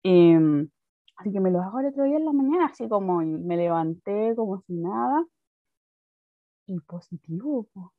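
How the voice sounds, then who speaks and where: A woman's voice: mid-range voice, animated, normal speed, no room sound, phone-quality sound. A young woman in her twenties with a Chilean accent, telling her story in casual chat and laughing often. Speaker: guest.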